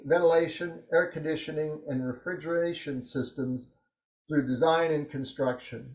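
Man presenting a technical webinar, roomy sound. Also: on the high side. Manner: steady explanatory delivery with frequent "uh" fillers. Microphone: video call.

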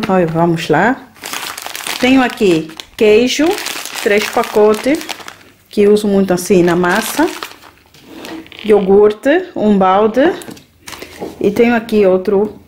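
Slow-talking woman showing her groceries. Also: medium pitch, slight background noise. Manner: unhurried, listing items with frequent "tá?" and "né?" tags. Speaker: vlogger. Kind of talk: grocery haul vlog. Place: home kitchen, indoors.

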